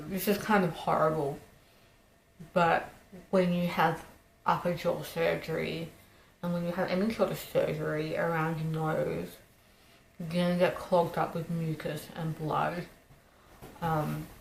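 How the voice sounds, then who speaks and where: A woman's voice: on the low side, gravelly. A woman vlogger telling a personal story in a casual, conversational way. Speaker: vlogger recovering from jaw surgery. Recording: roomy echo, faint background noise.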